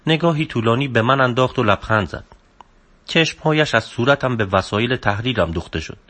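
Male narrator for a book reading, steady, subdued, mid-range pitch. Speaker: audiobook narrator.

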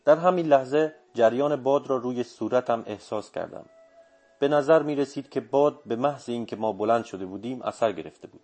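A man reads literary prose aloud in a calm, even, measured narration. His voice sits at a middle pitch for a man. Soft music runs faintly in the background. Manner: steady, measured reading. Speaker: audiobook narrator.

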